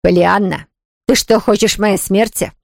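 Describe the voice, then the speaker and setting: A woman's voice: on the low side, fairly quick, a little mellow, studio quality, lightly acted. Woman doing bossy old aunt, strict and scolding, no room echo. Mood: indignant. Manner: firm, scolding, categorical. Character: stern elderly aunt, strict and self-pitying.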